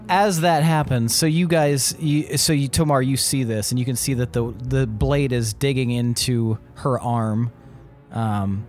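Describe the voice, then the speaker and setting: A man narrating a tabletop role-playing game as game master, laying out scenes in deliberate, suspenseful short phrases. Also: mid-range voice, fairly even intonation, a little mellow, soft background music.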